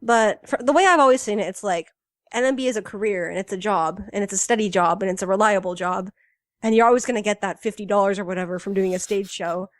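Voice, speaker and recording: A woman's voice: medium pitch, fast talker, dry recording. Chatty, enthusiastic young woman, dry mic. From United States. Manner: chatty and enthusiastic, many fillers. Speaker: podcast co-host. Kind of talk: casual fan podcast chat.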